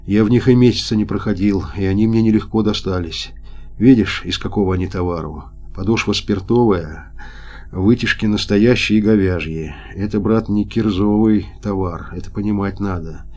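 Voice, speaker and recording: A man voicing a stubborn wounded soldier who scolds in a gruff, folksy way. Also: fairly low pitch, normal speed, darkish tone, lightly acted.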